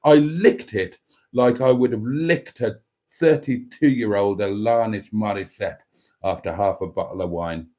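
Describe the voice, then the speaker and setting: A livestream host at home in a chilly room reads out viewer comments, chatty and cheeky, calling his audience darlings. His man's voice sits on the low side, unhurried and dark in tone.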